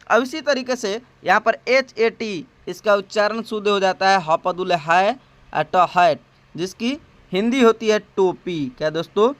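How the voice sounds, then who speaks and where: A man teaching English spelling and pronunciation, spelling each word out slowly and asking his viewers questions, recorded on a phone. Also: high voice, a bit bright, dry recording. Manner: slow and patient, spells words out letter by letter; repeats himself and asks the viewers questions.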